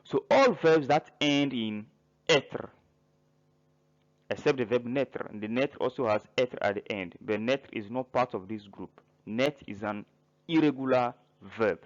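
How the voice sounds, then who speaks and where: A man teaching a French grammar lesson in English, listing verbs slowly and spelling out word endings letter by letter. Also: mid-range voice, lo-fi sound. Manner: spells words out letter by letter, pauses between listed verbs. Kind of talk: slow grammar lesson narration.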